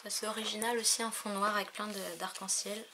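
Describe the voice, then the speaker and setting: A woman's voice: mid-range voice, little pitch movement, a little fast, background noise. A woman presenting a craft supply haul in a casual, admiring way, often trailing off with fillers. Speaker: crafting vlogger. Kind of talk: casual show-and-tell haul. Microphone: camera on tripod.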